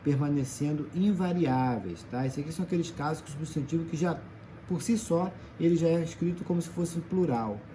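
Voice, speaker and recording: A man's voice: a little high, a little fast, dark tone, a little hiss or hum. A Brazilian man teaching a grammar lesson, patient, stretching out example words and checking in after each point. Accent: Brazilian Portuguese. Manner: patient, checks in often with tag questions. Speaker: Portuguese teacher.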